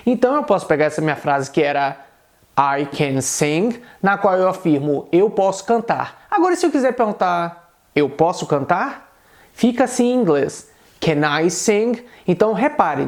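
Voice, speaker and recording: A man with a Brazilian Portuguese accent teaching an online English lesson. He explains patiently and slows right down to model each English example sentence. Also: high-pitched, a little mellow.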